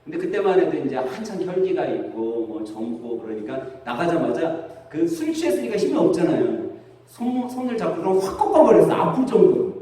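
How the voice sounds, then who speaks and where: A middle-aged man preaching a sermon as pastor, telling stories in a chatty, lively way. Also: on the high side, a little fast. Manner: conversational storytelling, lively with laughs. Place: church sanctuary. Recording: very echoey church hall, distant mic.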